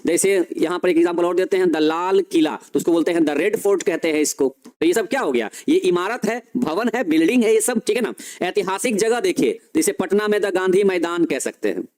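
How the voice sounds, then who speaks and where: A high-pitched man teaches a grammar lesson for board exams. He works through one example at a time and keeps checking that his students follow. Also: animated, brisk, few pauses, a little mellow. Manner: explains patiently, checking in with the class after each example.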